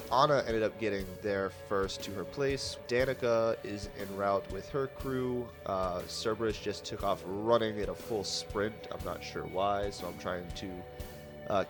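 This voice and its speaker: Low-voiced joking man player. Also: a little slow, over music. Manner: lots of "uh" fillers, joking. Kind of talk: casual recap.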